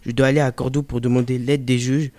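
A man's voice: mid-range voice, little pitch movement, fast, darkish tone, dry recording, natural voice. A man voicing a proud, brooding Spanish bandit who speaks brusquely in an audio drama reading. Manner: proud, brusque, sometimes gloomy.

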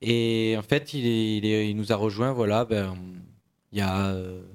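A man, a band musician, talking about his group in a relaxed, chatty radio studio interview. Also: lowish voice, normal speed, clear, resonant tone. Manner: relaxed, chatty, loose with filler words.

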